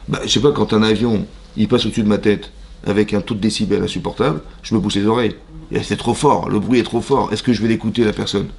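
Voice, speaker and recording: A rabbi teaching a mixed class in a synagogue, talking at a quick clip. His voice is gravelly, with a rough fry at the bottom. He plays both sides of little dialogues and keeps asking the room questions. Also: on the low side, fairly even intonation, darkish tone. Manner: asks the audience rhetorical questions and acts out both sides of imagined dialogues; uses Hebrew religious terms in everyday French speech. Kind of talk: lively mixed Torah class to a congregation.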